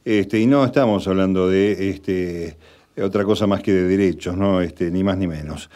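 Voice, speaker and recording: A man with an Argentine accent hosting a radio interview, measured and relaxed, dropping fillers now and then. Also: deep voice. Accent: Argentine Spanish. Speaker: radio host.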